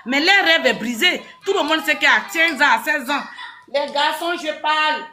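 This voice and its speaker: A woman's voice: sits high, moderate pace, pushed and bright. A woman from Ivory Coast giving a heated, insistent opinion on a talk show, repeating her phrases.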